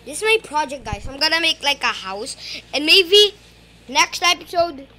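A young female host chatting excitedly through a Minecraft let's play and teasing her brother. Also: high-pitched, normal speed. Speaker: gaming channel host. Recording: noisy background.

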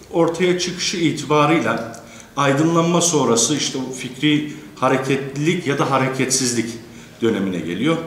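A man giving a courteous academic lecture, pausing often with drawn-out fillers and addressing the teachers in his audience. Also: medium pitch, a little hiss or hum. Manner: hesitant, many drawn-out fillers. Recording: echoey lecture room.

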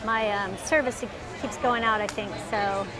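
A woman narrates a casual live walking tour of a waterfront village after dark, filmed on the phone in her hand, wandering off track and frequently correcting herself. She speaks a little slowly at medium pitch with fairly even intonation, over a noisy crowd and loud bar music and live bands.

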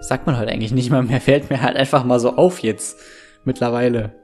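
A man's voice: mid-range voice, steady tone, brisk, darkish tone. A young man giving casual commentary as he plays through a game. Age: young adult. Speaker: let's player. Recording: game music faintly behind.

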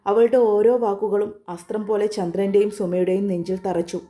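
A woman storyteller reading a serialized romance story aloud in an even, steady manner. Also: mid-range voice, brisk.

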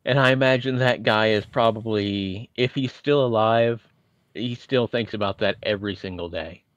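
A man's voice: on the low side, moderate pace, no room sound. Podcast co-host, male, from Indiana, loose anecdotal delivery, lo-fi dry sound. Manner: chatty, winding anecdotes with self-deprecating asides. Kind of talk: casual nostalgic storytelling.

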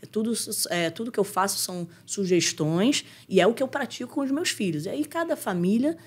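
Fast-talking husky Brazilian woman. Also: mid-range voice. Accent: Brazilian Portuguese. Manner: animated storyteller acting out quoted voices. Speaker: guest, jiu-jitsu champion and school owner. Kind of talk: conversational interview.

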